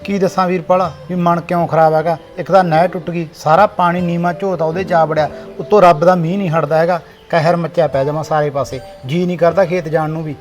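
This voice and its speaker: A man's voice: on the high side, steady tone, fast, hardly any pauses, faint music behind. A young man with a Punjabi accent acting a farmer son in a village drama, scolding and complaining.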